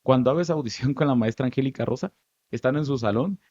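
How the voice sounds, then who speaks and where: Guatemalan man telling animated stories. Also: medium pitch, quick pace, no room sound, dull audio. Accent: Guatemalan Spanish. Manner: animated, lively storytelling with many asides. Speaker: guest, stage actor. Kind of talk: storytelling interview answers.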